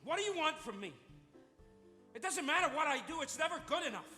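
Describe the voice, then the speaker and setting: A weary, sardonic husband. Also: male voice, very animated, sharp tone, soft background music, exaggerated voice. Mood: bitter. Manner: low, measured, sardonic. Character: weary middle-aged executive husband, cool and bitter. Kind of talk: stage musical acting. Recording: theater stage with long reverb.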